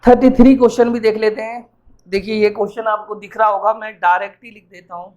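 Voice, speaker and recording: A man's voice: sits high, level tone, fast talker, a little mellow, low-quality recording. A man teaching arithmetic who asks and answers his own questions as he works through each problem, sounding tired. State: tired and sweaty. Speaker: math teacher. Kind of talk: explaining math problems while writing.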